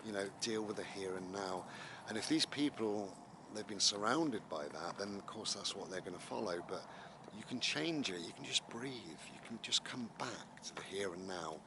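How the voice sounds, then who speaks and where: Musing man, noisy outdoor recording. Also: fairly low pitch. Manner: unhurried, musing, repeating phrases. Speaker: vlogger guiding mindfulness and breathing. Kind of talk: casual spoken meditation while walking outdoors. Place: outdoors, walking in the countryside.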